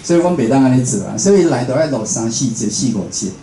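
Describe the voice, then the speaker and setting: At an indoor venue with a seated audience, a radio host and programme producer delivers a chatty, informal talk in a Taiwanese accent, often closing phrases with a little confirming tag. His mid-range voice is expressive and mellow, moving at a quick pace. The sound is echoey and roomy, with faint background noise.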